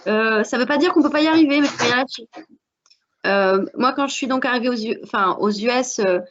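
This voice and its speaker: A woman's voice: on the high side, fairly quick. French woman with dull lo-fi sound. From France. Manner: earnest, many hesitations. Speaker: alumna guest. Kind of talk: panel discussion. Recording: dull lo-fi audio.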